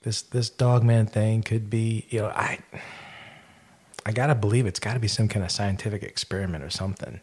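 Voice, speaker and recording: Low-voiced man retelling a spooky story. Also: fairly even intonation, brisk, a little mellow, husky. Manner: rambling, with frequent fillers and restarts. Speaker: podcast host. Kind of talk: casual chat, retelling eyewitness stories.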